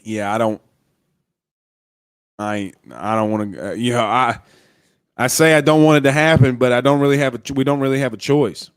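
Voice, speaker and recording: This Louisiana sports podcast host, a young man, reads comments on a casual live stream, rambling, restarting sentences, and calling listeners "man" and "bro." His middling-pitched voice is smooth, resonant, and a bit congested, recorded close and dry without room echo. He talks at a moderate pace and pauses often.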